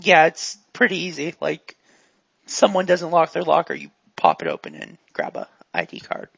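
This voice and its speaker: A man narrates a tabletop game with a playful, joking manner, his high voice full of gravel. The sound is dry and close. The mic is dull and lo-fi. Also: huge pitch swings, a bit bright, dry recording. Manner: playful, jokey, quick asides. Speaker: game master.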